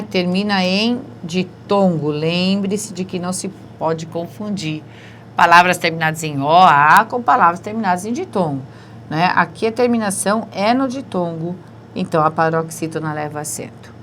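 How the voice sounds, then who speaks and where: A woman's voice: fairly low pitch, fairly bright tone. A woman teaching a Portuguese grammar lesson for exam prep, explaining step by step in a Brazilian accent and checking in with her listeners. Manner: explains step by step, tags questions with né and certo.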